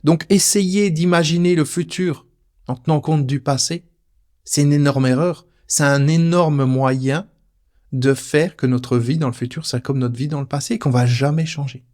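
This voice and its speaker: Playful man teaching with a fairly high voice. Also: steady tone, unhurried, darkish tone. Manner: talks directly to the listener, informal and playful. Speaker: personal development teacher. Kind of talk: casual spoken teaching video.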